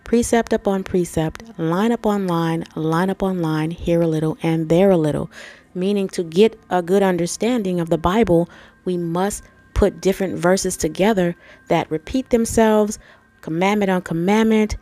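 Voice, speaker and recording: Speaking at normal speed in a mellow voice on the low side, a woman hosting a Bible channel reads and informally explains scripture, calling viewers family and guys. Her nose is stuffy from allergies, and soft music plays in the background.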